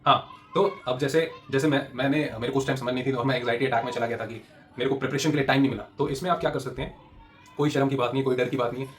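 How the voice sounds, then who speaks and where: Fast-talking chatty male actor. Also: medium pitch. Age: 30s. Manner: fast, chatty, animated storytelling with frequent fillers and laughs. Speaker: TV actor giving acting tips. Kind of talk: casual advice talk to aspiring actors.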